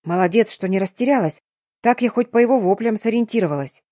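A woman's voice: mid-range voice, fast, mellow, no echo, clean studio sound, natural voice. Brash young girlfriend, voiced by a woman. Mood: brusque.

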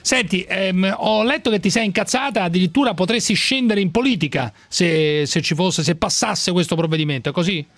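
Brisk high-voiced male radio host. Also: fairly bright tone, no echo. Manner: brisk, interrupting, cuts callers off. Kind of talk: live radio talk show.

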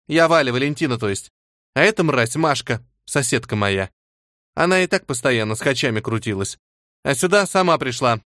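A man's voice: medium pitch, animated, normal speed, fairly bright tone, no room sound, clean studio sound, natural voice. A man reading an audiobook and voicing a fierce, bitter teenage girl who swears harshly. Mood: scornful.

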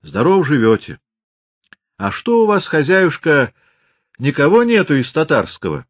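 A man's voice: a little high, wildly swooping pitch, unhurried, pitched above the performer's own voice. A man doing a grumbling rustic Cossack. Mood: hearty. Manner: chatty, grumbling dialect speech.

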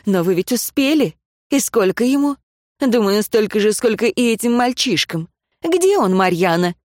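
A woman's voice: a little high, lively intonation, moderate pace, a little mellow, no room sound, studio quality, lightly acted. Woman reading as a proud, guarded noblewoman. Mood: cold. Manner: clipped, proud and defensive.

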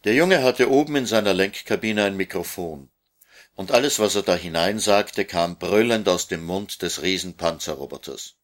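Man, low voice, storybook reading, measured, plain narration.

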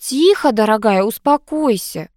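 A woman's voice: fairly high pitch, expressive, unhurried, a little mellow, dry recording, clean studio sound, voice pushed up. A woman voicing a stern, formal older mother who scolds with polite phrasing, read as part of an audiobook. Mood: reproving. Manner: formal, reproving.

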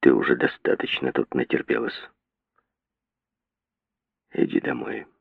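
A man voicing a stern, cold middle-aged father who speaks slowly, low and menacing. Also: sing-song, vocal fry, slightly rough, full character voice. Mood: curt. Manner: slow, low, quietly menacing. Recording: dry tinny phone-like sound.

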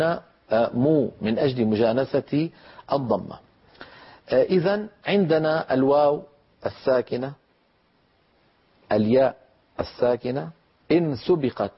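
A man teaching Quran recitation, explaining letter sounds, asking rhetorical questions and drawing out example sounds slowly. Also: medium pitch, slightly rough. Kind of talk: lecture on letter pronunciation. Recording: dull lo-fi recording.

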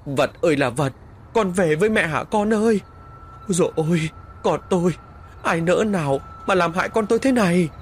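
A grieving mother crying out in high, loud wails, as a male narrator puts her on. Each phrase breaks upward in pitch and rings out forceful. A faint room hum sits behind her. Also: animated, normal speed. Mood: wailing. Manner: high wailing cries. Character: grieving village mother, wailing.

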